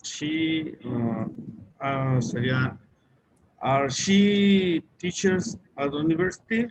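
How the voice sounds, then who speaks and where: A man answering in class with hesitation and unsure pauses, speaking English with a Mexican Spanish accent. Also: a little high, a little hiss or hum, rough recording. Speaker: student.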